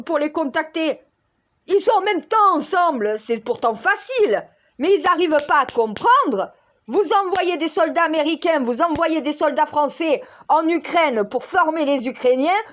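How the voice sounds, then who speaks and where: A woman in an exasperated, agitated monologue, scolding leaders and calling on God, her voice worn hoarse. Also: high voice. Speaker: self-styled spiritual counselor. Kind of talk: ranting monologue video.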